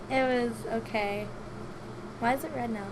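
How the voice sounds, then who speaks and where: Bright high-pitched young woman guest, giggly, animated storyteller; faint hiss underneath. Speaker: podcast guest. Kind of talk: casual chat.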